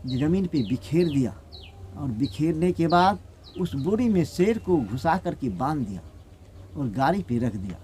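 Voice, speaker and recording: A man's voice: fairly high pitch, big pitch swings, unhurried, warm tone, a little hiss or hum. A man telling a folk tale aloud in plain rustic, repetitive phrasing. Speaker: storyteller.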